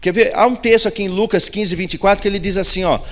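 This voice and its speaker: A man's voice: high-pitched, steady tone, fast, a bit bright. A man with a Brazilian Portuguese accent preaching a sermon, repeating his points with emphasis and asking rhetorical questions. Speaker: pastor. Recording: long hall reverb.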